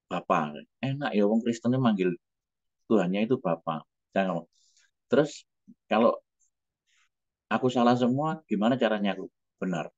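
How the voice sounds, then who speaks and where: A middle-aged man, a pastor giving an emotional, halting personal testimony. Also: on the low side, animated, a little mellow, dry recording. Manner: emotional, halting, breaks off and restarts. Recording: dull, muffled dry recording.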